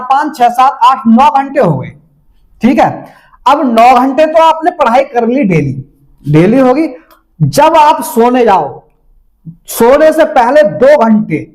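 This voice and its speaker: A man's voice: very high voice, rough recording. A man giving casual exam-preparation advice to viewers, instructive and repetitive, speaking to them directly. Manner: instructive, repeats each step, addresses viewers directly. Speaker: exam-prep adviser.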